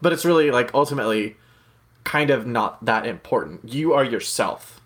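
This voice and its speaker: A man's voice: mid-range voice, lively intonation, moderate pace, fairly bright tone. A man co-hosting a podcast, telling a rambling story with jokey asides in casual chat. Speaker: podcast co-host.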